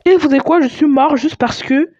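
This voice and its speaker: A young woman chatting casually over her gameplay. She stammers often and breaks into excitable outbursts. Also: high-pitched, a little fast, no room sound, lo-fi sound. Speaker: gaming video creator.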